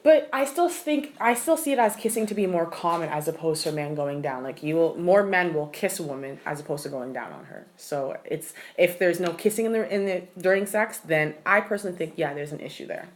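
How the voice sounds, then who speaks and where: A woman speaking candidly on a casual podcast, blunt and unfiltered, with plenty of "like" in her speech. Her voice sits on the lower side for a woman. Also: expressive, a little fast, few pauses.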